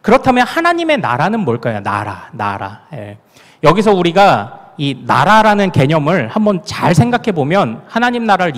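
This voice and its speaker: Lively high-voiced pastor with Gyeongsang accent. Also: male voice. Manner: playful, acts out dialect lines and laughs. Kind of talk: family prayer-meeting sermon. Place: church sanctuary. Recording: long hall reverb.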